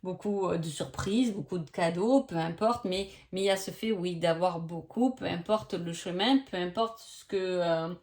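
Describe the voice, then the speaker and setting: A woman's voice: fairly low pitch, normal speed, hardly any pauses, darkish tone. A woman giving a casual oracle card reading sign by sign, chatty, with many hesitations and tag questions.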